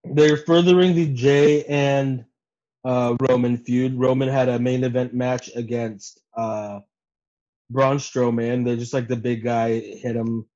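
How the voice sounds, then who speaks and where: A man's voice: mid-range voice, fairly even intonation, unhurried, mellow. A man co-hosting a podcast, giving a casual recap, swearing freely and acting out quotes. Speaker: podcast co-host. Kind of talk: casual animated recap chat. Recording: dull lo-fi voice recording.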